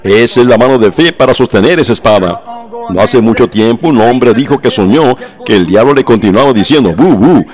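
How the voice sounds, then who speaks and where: A man voicing a translated sermon, fervent, exclaiming praise and speaking straight to his listeners, slowing down for emphatic phrases. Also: mid-range voice. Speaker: preacher.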